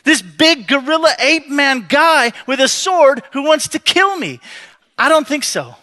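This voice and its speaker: A nervous, reluctant man pleads and protests in a whiny voice, as a preacher acts him out in his sermon. The voice leaps high and sounds bright and strained. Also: big pitch swings, normal speed, heavily acted. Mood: panicky protest.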